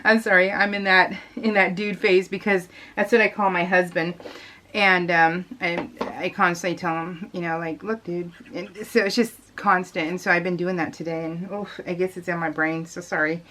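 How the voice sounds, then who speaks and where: Her voice on the low side, this middle-aged American craft vlogger narrates at normal speed while crafting, with a flat but pushed, bright delivery. She tells personal stories casually and gigglingly, acting out old conversations, with slight background noise in the recording.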